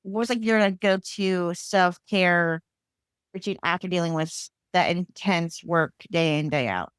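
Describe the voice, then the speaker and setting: A woman's voice: on the low side, a little slow, clear, resonant tone, dry recording, studio quality. A woman hosting a counseling podcast, asking questions in a chatty, casual way full of "like" fillers. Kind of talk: casual interview conversation.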